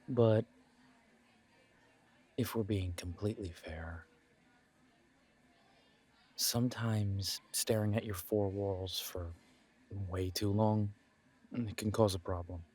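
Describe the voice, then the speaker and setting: His fairly low voice has a breathy edge and a fairly even intonation as he voices a homebody best friend in a one-sided, intimate roleplay. He talks casually in gentle, halting bits of encouragement, and the feel is soft and reassuring.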